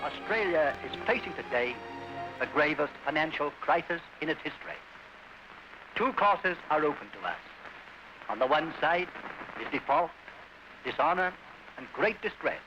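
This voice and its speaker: Man speaking gravely in an old newsreel clip. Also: on the high side, expressive, music in the background. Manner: grave, deliberate, emphatic oratory. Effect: old newsreel archive sound. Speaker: public speaker addressing the nation. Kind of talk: formal public address. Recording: dull hissy early sound-film recording.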